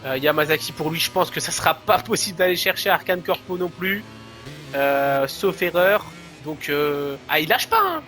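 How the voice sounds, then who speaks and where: Guy doing live bike race commentary, high bright voice, music and engines behind him. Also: lively intonation, normal speed. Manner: motorsport commentator's running play-by-play. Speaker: motorsport commentator. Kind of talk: live race commentary of an online motorcycle racing game.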